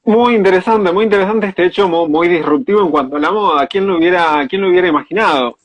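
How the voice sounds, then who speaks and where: Higher-pitched Argentine man, close dry sound. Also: fast talker, dry recording. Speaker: co-host. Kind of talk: casual chat.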